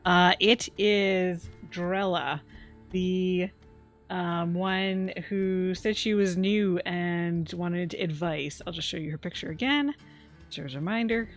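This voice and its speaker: A woman's voice: fairly low pitch, takes it slowly, faint music behind. A woman narrating as game master of a tabletop game on a stream, giggly and hesitant, full of fillers.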